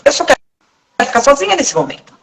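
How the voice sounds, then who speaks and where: A woman's voice: high voice, big pitch swings, fast, low-quality recording. A Brazilian woman in casual conversation, speaking frankly and bluntly and acting out bits of dialogue in different voices. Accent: Brazilian Portuguese. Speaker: guest in a live group talk.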